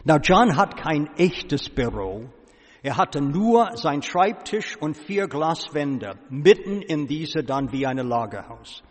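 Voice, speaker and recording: A man telling his life story as a personal testimony, dropping his voice low at serious moments. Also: sing-song, slow pace. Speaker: speaker giving a personal testimony. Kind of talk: slow personal testimony before an audience. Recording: reverberant hall.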